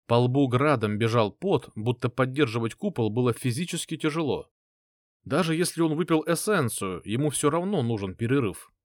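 A man reads a first-person audiobook with an expressive, lively delivery and swinging intonation. His voice sits at an ordinary middle pitch. The recording is close and dry. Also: moderate pace, no room sound. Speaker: audiobook narrator.

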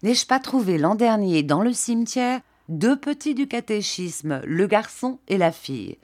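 A smug village priest, preaching and moralizing in a sing-song voice that rises and falls widely, as a woman reads his part. He lectures at an unhurried pace. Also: mid-range voice, sing-song, a little mellow, dry recording, clean studio sound. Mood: resigned moralizing.

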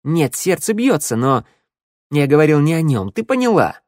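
Young man, hushed, casual, confessional, man reading, dry close sound. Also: a little high, very animated, moderate pace, dry recording, pitched above the performer's own voice. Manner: quiet, casual, confiding.

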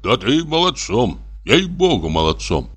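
A man's voice: medium pitch, very animated, a little slow, fairly bright tone, husky, voice pushed up, full character voice. A man reading a hearty, fussy elderly male postmaster who speaks in a familiar, wheedling way. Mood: jovial.

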